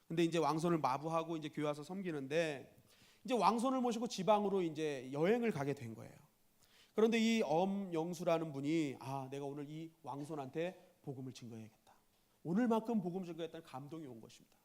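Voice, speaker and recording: A man preaching a sermon as a church pastor, speaking emphatically and rising to loud peaks. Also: a little high, expressive, brisk. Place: church sanctuary.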